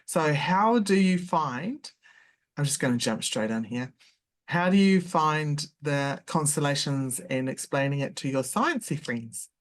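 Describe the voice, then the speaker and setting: A woman's voice: low-pitched, expressive, unhurried. A woman hosting a podcast interview, friendly and chatty, laughing easily. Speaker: podcast host.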